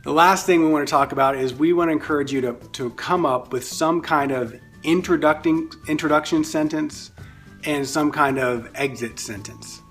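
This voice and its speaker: A man explaining step by step how to host short overview videos, in a relaxed, friendly way with frequent fillers, over light music. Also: on the high side, moderate pace. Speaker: ministry staff instructor. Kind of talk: casual instructional explanation.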